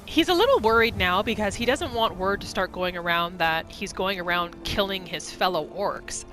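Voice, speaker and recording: Hosting a gaming video over music, a woman speaks at medium pitch and moderate pace. Chatty and informal, she narrates her roleplay playthrough as a third-person story.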